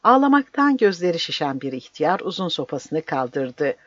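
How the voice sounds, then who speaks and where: A narrator reading a novel aloud at a steady, measured pace. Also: medium pitch, no echo, dull audio. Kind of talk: audiobook narration.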